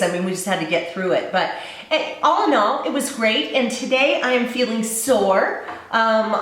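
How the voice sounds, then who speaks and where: Female vlogger for informal recap, medium pitch, heard in a strongly reverberant room. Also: a bit bright. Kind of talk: casual vlog recap. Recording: very echoey room.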